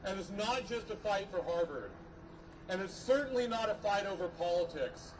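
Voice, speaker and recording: A middle-aged man giving a podium speech as a professor at a rally, earnest, measured and emphatic. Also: sits high, lively intonation. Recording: distant mic, noisy outdoor rally.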